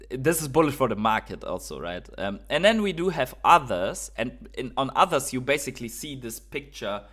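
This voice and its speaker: A native German speaker from Germany runs a live stream full of informal, excited market talk and chat. His voice sits at medium pitch with a fairly bright tone and a German accent, and he reads viewer messages aloud and responds to them.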